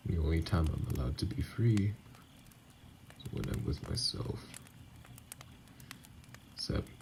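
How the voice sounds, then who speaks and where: In an ASMR audio drama, a man plays a wounded, bitter, self-loathing vampire, brooding and halting in a gravelly, breathy voice that often sinks almost to a whisper. His low, warm voice carries a slight hiss or hum in a full character performance. The mood is sorrowful and self-loathing.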